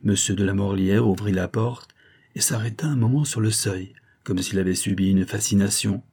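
A man narrating a novel as a measured, steady audiobook reading. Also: lowish voice, husky.

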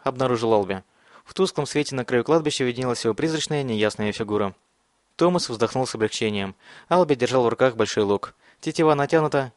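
A man's voice: medium pitch, dry recording. Man reading a dramatic audiobook. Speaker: narrator. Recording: dry close studio sound.

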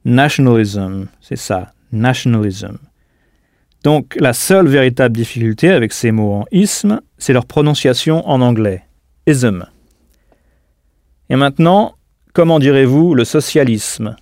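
A man leads a recorded audio language lesson in a mellow, dark-toned voice. He speaks patiently and deliberately, and he spells words out letter by letter. The recording is close and dry. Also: medium pitch, animated, no room sound. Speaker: language teacher.

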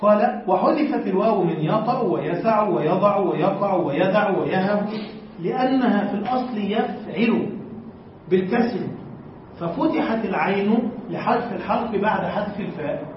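A male teacher gives a classroom lecture, quizzing his students and then answering the questions himself as he repeats word forms. His voice sits high and is heard from a distance. The recording is dull and lo-fi, with heavy room echo. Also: lively intonation, moderate pace, background noise. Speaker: sheikh teaching Arabic morphology.

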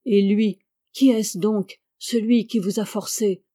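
A woman reading a story aloud, voicing a calm, shrewd female police detective who speaks gently but insistently. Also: medium pitch, slow.

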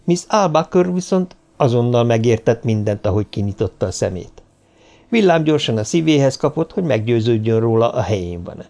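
A man reading an audiobook in an even, steady narration. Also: mid-range voice.

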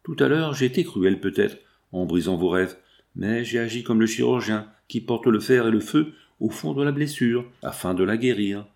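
A man's voice: fairly low pitch, moderate pace, gravelly, a little mellow. A man playing a stern, insistent millionaire. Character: stern older male millionaire, coldly insistent. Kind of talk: audiobook reading.

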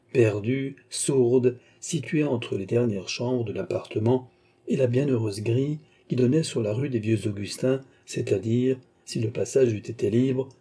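A man reading a classic novel aloud in a steady, measured manner. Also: mid-range voice, breathy edge. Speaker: audiobook narrator.

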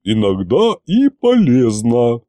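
A man's voice: mid-range voice, wildly swooping pitch, slow, warm tone, breathy edge, no echo, exaggerated voice. A man voicing a dry, sarcastic middle-aged woman who is chief accountant at a royal court, in an audiobook. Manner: dry, sardonic.

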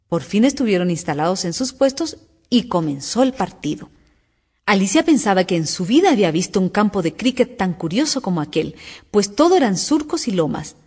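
A woman narrating a children's storybook aloud in an expressive storytelling manner. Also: medium pitch, slightly rough. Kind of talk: audiobook storytelling.

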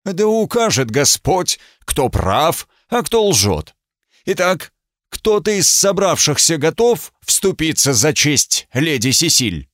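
A man's voice: a little high, very animated, a little slow, hardly any pauses, dry recording, clean studio sound, pitched above the performer's own voice. A man reading an audiobook, voicing a stern male judge who speaks in a solemn, raised voice.

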